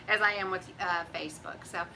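Keto cooking host, middle-aged, drawl, bright and chatty, phone mic in a home kitchen. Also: female voice, lowish voice, fairly even intonation, normal speed, vocal fry, slight background noise, rough recording. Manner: chatty, folksy, drawls "y'all". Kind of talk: casual live-stream chat. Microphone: phone camera at arm's length.

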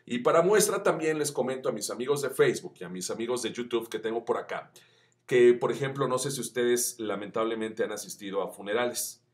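A man teaching voice acting, chatty and encouraging, who demonstrates shouts that climb up the pitch scale. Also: fairly quick. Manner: addresses viewers as friends, chatty and encouraging. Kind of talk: tutorial.

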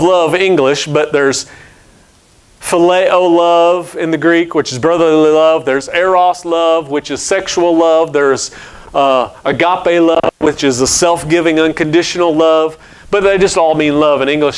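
An older man, a pastor, preaching a steady explanatory sermon from a church pulpit on a headset mic. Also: a little high, clean tone. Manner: explanatory teaching, steady and measured.

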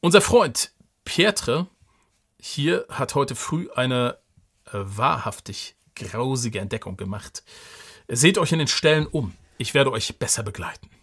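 Ein Mann, der einen überglücklichen Gefährten mittleren Alters mit altertümlich förmlicher Sprache spricht, laut und aufgeregt. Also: male voice, mid-range voice, measured pace, husky, heavily acted. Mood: worried. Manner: excited, loud, old-fashioned formal address. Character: overjoyed middle-aged man, old loyal companion, archaic speech.

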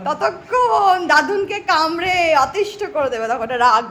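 High, doting woman in baby talk. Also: lively intonation, moderate pace, bright, forceful tone. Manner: sing-song, doting, repeats phrases. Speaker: vlogger talking to her pet dog. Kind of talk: baby talk to a pet dog. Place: home.

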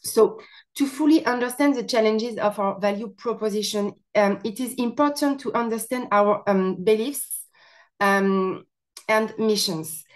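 A woman's voice: medium pitch, a little slow. A French woman with a French accent giving a hesitant webinar presentation over a video call, with many fillers. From France. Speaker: presenter, company marketing officer.

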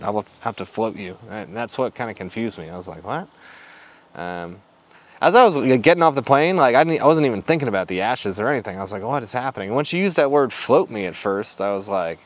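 A laid-back man recounting a travel mishap in loose, casual chat. He fills his telling with "uh" and "like", swears freely and breaks into short laughs. His voice sits at an ordinary middle pitch. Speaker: travel show host. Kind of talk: casual storytelling.

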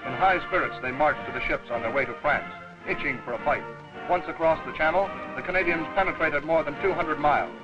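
A man giving brisk, declamatory scripted narration for an old newsreel. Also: fairly high pitch. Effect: old newsreel sound. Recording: dull lo-fi 1940s newsreel soundtrack with music. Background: music.

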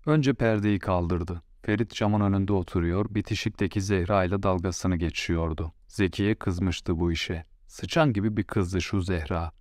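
A man narrates an audiobook story at a measured, unhurried pace. His voice is on the low side, and the recording is dry and close-miked. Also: darkish tone, no room sound.

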